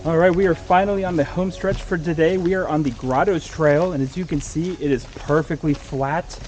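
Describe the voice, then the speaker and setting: Higher-pitched young American man vlogging outdoors. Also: fairly even intonation, a little fast, a little mellow, faint music behind, rough recording. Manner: chatty, explanatory. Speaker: vlog host. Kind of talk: casual outdoor vlog narration. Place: outdoors on park trails and at a campground.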